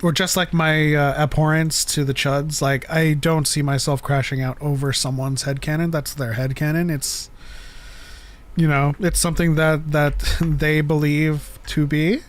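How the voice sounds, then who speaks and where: A man co-hosting a casual podcast livestream reads out viewer questions, rambling and joking with frequent laughs. His voice is a little high with little pitch movement, and he speaks a little slowly.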